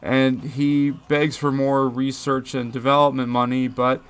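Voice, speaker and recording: A movie commentary host from the Philadelphia area, in his thirties, recaps a film with chatty, pun-filled jokes. His mid-range voice is smooth and fairly bright, though his delivery is flat and measured.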